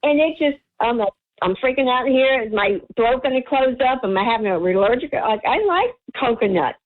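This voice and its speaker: Slightly harsh, high-voiced woman on a phone line. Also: expressive, normal speed. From United States. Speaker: radio phone-in caller. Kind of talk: casual chat. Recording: tinny phone line on radio.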